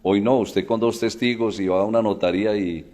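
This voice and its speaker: A man's voice: lowish voice, steady tone, a little fast, darkish tone. A man explaining spelling rules in casual talk, with folksy everyday examples and frequent calls to "look". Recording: long echoing reverb.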